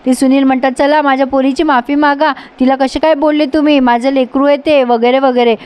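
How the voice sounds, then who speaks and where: A woman's voice: sits high, fairly even intonation, fairly quick, darkish tone. A young woman telling the story of a TV serial episode in a chatty way, acting out the dialogue and commenting to her viewers. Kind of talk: casual storytelling recap.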